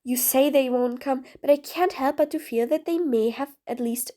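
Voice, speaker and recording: A woman's voice: high voice, normal speed, dark tone, lightly acted. A woman playing a sarcastic, bossy supervillain. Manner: sarcastic and bossy, with taunting nicknames. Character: sarcastic, exasperated female supervillain jailer. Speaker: voice actress. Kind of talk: audio role-play drama.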